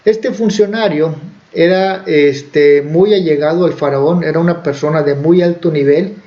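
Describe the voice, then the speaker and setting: On a dull, lo-fi recording, a preacher with a high, dark-toned voice tells a Bible story conversationally, full of fillers and self-corrections.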